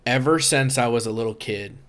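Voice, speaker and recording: A man's voice: medium pitch, fairly bright tone. Chatty man with a mid-range voice. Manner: chatty, full of "like" and quick interjections. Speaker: podcast co-host. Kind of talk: casual chat.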